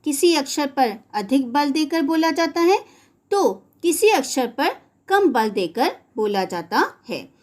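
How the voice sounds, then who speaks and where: A woman teacher with a high voice takes her grammar lesson at an unhurried pace. She sounds out each letter one by one and pronounces every example word carefully. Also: very animated, darkish tone.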